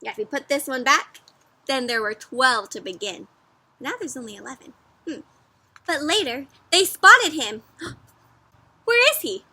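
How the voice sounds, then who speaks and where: This woman's voice sits high and sounds husky as she reads to young kids, going a little slow and pausing often. She's lively and teacherly, tossing questions to her listeners, and the audio has no echo.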